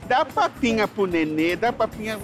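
A man's voice: high-pitched, very animated, normal speed, over music. A man playing a big whiny baby. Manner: childish baby talk, whiny and clingy. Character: grown man acting as a big needy baby. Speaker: prank actor. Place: outdoors in a busy public square.

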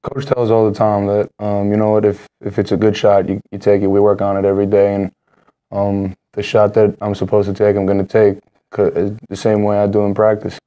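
A young college basketball player giving halting postgame answers at a press table, full of fillers and restarts. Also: male voice, on the low side, completely flat delivery, mellow, highs cut off. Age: young adult. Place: press room in front of a team backdrop.

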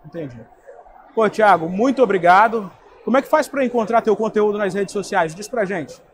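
A man's voice: high-pitched, lively intonation, normal speed, a little hiss or hum. A young man, interviewing a guest at a trade fair booth on a lapel mic. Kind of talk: event interview.

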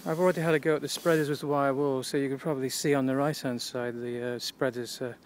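A man giving a relaxed, offhand walkthrough of his boat, pausing with the odd uh, recorded on a handheld camera in a shed and a small cabin. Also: medium pitch, slight background noise, low-quality recording. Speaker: boat owner giving a tour. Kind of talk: casual walkthrough narration. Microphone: handheld camera or phone.

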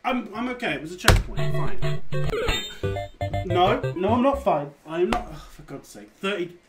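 A man's voice: high-pitched, lively intonation, moderate pace. A man in his thirties giving exasperated, sweary gameplay commentary as he gets drunker. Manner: exasperated outbursts mixed with swearing; getting drunker while playing a drinking challenge. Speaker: gaming video host. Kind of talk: live gameplay reaction commentary. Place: indoors at a computer. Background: game music.

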